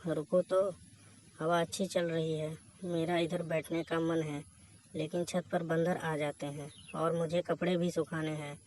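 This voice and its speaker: A man's voice: on the high side, level tone, measured pace, darkish tone, a little hiss or hum, natural voice. A man reading as a teasing, bossy young housewife. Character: bold teasing married woman, young.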